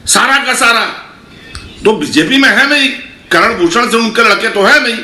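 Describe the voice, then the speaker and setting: Combative panelist, sharp and echoey. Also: male voice, high voice. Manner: combative, rapid-fire, talks over others. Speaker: political panelist. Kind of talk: heated TV debate.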